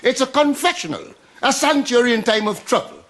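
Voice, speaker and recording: A man's voice: extremely high pitch, expressive, fairly quick, a bit bright. An actor with a Guyanese accent playing a boastful older male barbershop owner who lectures his customers in a studio sitcom. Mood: pompous. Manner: pompous, lecturing.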